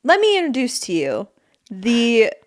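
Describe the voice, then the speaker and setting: A woman's voice: wildly swooping pitch, unhurried. A young woman co-hosting a podcast in casual, comedic chat, irreverent and sweary as she riffs. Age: young adult. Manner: sweary, irreverent, riffing in mock pitches. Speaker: podcast co-host.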